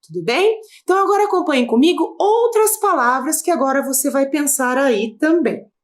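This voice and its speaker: Lively Brazilian woman teacher. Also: high voice, fairly quick. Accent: Brazilian Portuguese. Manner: patient, explaining step by step. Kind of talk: video lesson for children.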